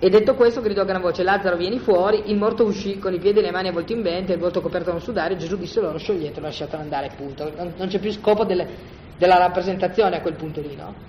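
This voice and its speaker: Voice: medium pitch, racing, slight background noise. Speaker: teacher. Style: conversational scripture lecture. Sound: roomy, dull lo-fi. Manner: keeps asking "no?". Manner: colloquial, animated explaining with restarts. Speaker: Bible study teacher. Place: room with a group of listeners. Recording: roomy, dull lo-fi recording with faint ambience.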